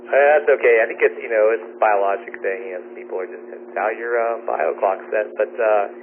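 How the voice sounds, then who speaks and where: Man, caller on a ham radio net, fairly low voice, tinny radio band, loud static, easygoing rambling. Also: a little fast. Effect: ham radio transmission with static. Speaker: caller checking in. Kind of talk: casual radio chat.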